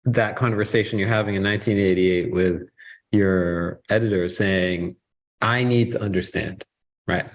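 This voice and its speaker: A man with a fairly low voice hosts a conversational interview. He puts his questions in an informal spoken style. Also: steady tone, normal speed. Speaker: interviewer, host.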